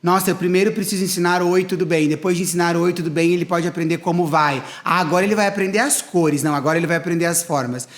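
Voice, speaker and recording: A man's voice: sits high, racing, few pauses. Man explaining points step by step. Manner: explanatory, builds points in steps. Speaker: academic director hosting a school podcast. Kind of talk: conversational interview.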